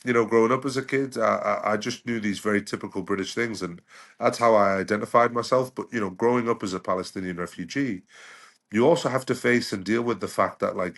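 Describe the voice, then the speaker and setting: Here a UK-raised, middle-aged doctor guests on a podcast, his lowish voice carrying a little brightness. His talk is reflective and conversational, full of restarts and repeated "you know"s.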